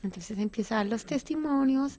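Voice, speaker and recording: A woman's voice: on the high side, a little fast, warm tone. Earnest middle-aged woman giving testimony. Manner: emotional, restarts and self-corrections. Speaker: interview guest giving testimony.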